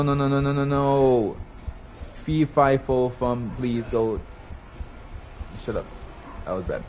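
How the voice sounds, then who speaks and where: A man's voice: on the high side, darkish tone, slight background noise. A young man streaming a horror game, reacting with panicked, swearing outbursts and running commentary. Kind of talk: live gameplay commentary.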